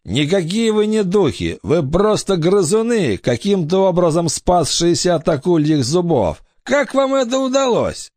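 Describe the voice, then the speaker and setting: A man's voice: high voice, very animated, a little slow, hardly any pauses, a little mellow, dry recording, clean studio sound, voice pushed up. A man voicing a boastful, easily scared adult pirate with a raised, blustering voice in an audiobook. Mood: mocking. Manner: blustering, threatening. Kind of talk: audiobook character voice.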